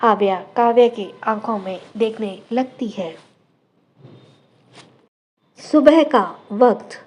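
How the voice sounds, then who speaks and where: A woman's voice: a little high, takes it slowly, darkish tone. Woman narrating a dramatic audio story.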